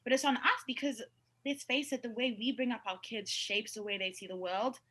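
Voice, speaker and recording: Bright, lively young woman on a video call. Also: a little high, fairly quick, rough recording. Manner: animated, emphatic, laughs easily. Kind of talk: casual panel chat.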